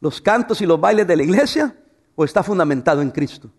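A man's voice: high voice, expressive, fast talker, breathy edge. A man preaching a sermon, asking rhetorical questions and telling humorous stories about his wife. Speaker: pastor.

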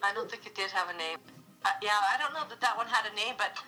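A middle-aged woman heard over a phone speaker, chatty and quick to laugh as she remembers family stories. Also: mid-range voice, expressive, pushed and bright, soft background music, low-quality recording. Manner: chatty, laughs easily while recalling. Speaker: guest's mother calling in. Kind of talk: casual phone chat.

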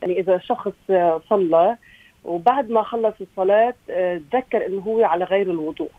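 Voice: mid-range voice, no room sound. A caller over the phone, courteous and a little hesitant. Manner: rushed, courteous, some hesitant fillers. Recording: tinny phone line.

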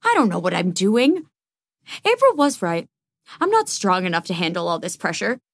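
A woman's voice: medium pitch, wildly swooping pitch, moderate pace, no echo, clean studio sound. A woman playing an anxious, self-doubting young woman who rambles through her diary entry in a comedy audio drama.

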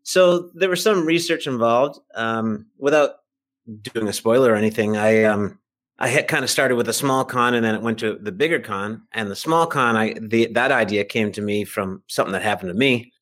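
This podcast guest is a fiction writer, middle-aged or older, with a lowish, fairly bright voice and a moderate pace. He swaps anecdotes in an informal, self-deprecating chat.

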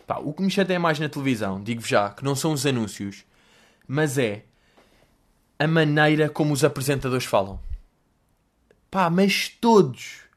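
Young dude podcasting, slangy, curses a lot, fired up, voice a touch high. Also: male voice, moderate pace, long pauses. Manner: animated, swearing, slangy rants with laughs. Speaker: podcast host answering listener questions. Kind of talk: casual monologue.

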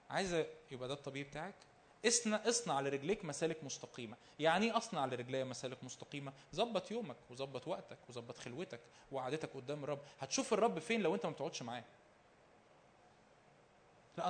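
High-voiced, fast Egyptian preacher. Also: male voice. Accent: Egyptian Arabic. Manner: emphatic, repeating phrases, rhetorical questions, swinging between loud and hushed. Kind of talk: sermon.

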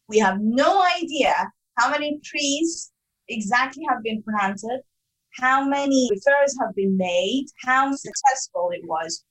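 A woman's voice: fairly high pitch, poor audio. Emphatic woman from Sudan explaining research. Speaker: guest researcher. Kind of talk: podcast interview.

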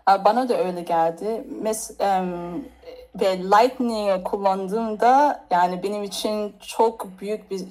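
A woman's voice: mid-range voice, fairly even intonation, measured pace, warm tone, poor audio. Hesitant woman from Nigeria chatting. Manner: hesitant, searching for words in non-native Turkish. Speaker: interview guest. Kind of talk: casual interview chat.

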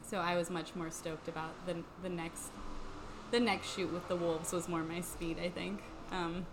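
A young woman co-hosting a casual podcast, chatty and rambling, a little hoarse from a cold and laughing often. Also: on the low side, steady tone, moderate pace, background noise. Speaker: podcast co-host.

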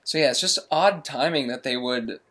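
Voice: mid-range voice, moderate pace, a bit bright. A podcast co-host bantering casually, wry and opinionated.

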